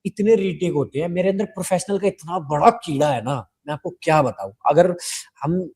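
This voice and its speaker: A man with a notably high voice tells stories as a podcast guest. He talks animatedly, jumping from loud bursts to hushed asides, with a podcast mic close by. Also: normal speed, breathy edge. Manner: animated storyteller, swings between loud and soft. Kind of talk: casual podcast chat.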